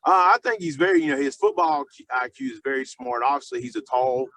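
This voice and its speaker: A male football coach talks through an unscripted sports interview. His voice sits at an average pitch, and his sentences come haltingly, padded with fillers and doubled-back phrases. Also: fairly bright tone. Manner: halting, filler-heavy, repeats and restarts phrases often. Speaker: high school football coach being interviewed.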